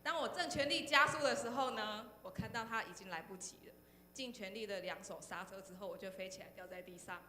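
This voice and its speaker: A woman with a Taiwanese Mandarin accent gives an animated testimony to a youth congregation, often pausing on "然后呢" and turning questions to her listeners. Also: medium pitch. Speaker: speaker sharing a testimony at a youth service. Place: church hall. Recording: echoey hall, faint background noise.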